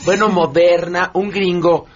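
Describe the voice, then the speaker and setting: Hombre mexicano contando chistes en la radio. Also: male voice, high-pitched, unhurried. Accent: Mexican Spanish. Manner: animated storyteller, joking. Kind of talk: casual comedic chat. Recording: dull lo-fi radio audio.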